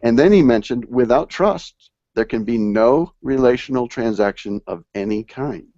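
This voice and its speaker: Guy hosting an online panel over video call, reads stuff out slow and leans on key words, sound a bit muffled, dry. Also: mid-range voice, animated, warm tone, dry recording. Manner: reads passages aloud and stresses key words. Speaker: host of a live online panel.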